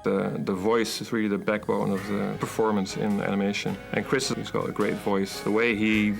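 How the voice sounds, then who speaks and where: A man's voice: on the low side, flat delivery, normal speed, vocal fry, over music. A man, a film-maker, explaining his work in a casual interview.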